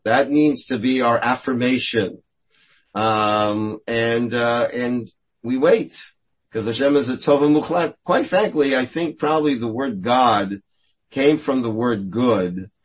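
A man's voice: mid-range voice, breathy edge, low-quality recording. Thoughtful man speaking on faith. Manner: thoughtful, repeats words while searching for phrasing. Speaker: guest speaker answering questions on faith. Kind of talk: reflective spiritual talk.

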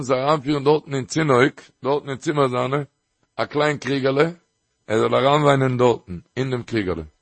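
A man giving a Torah lecture, telling a story in an animated way with frequent emphatic bursts. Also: mid-range voice, no room sound. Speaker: Torah teacher.

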